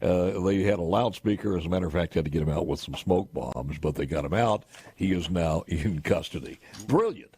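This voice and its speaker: A man's voice: low voice, animated, a little fast, hardly any pauses, darkish tone, husky. An older man, a radio talk show host telling wry folksy stories and chatting with a guest in a studio. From Mississippi. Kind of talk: casual radio talk and interview. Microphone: studio boom mic with headphones.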